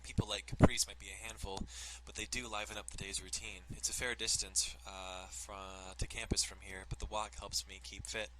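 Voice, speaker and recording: In this let's play, a man with a lowish, fairly flat voice narrates a visual novel at normal speed, hardly pausing, and cuts in with sweary jokes. The low-quality recording has loud music under his voice and slight background noise.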